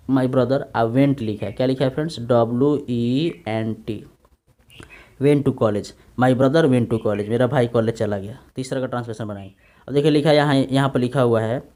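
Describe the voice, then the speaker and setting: A man teaching English translation to exam students in Hindi, dictating sentences slowly and often asking "right, friends?". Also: medium pitch, a little mellow. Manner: repeats tag questions to students. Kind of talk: Hindi-English grammar lesson.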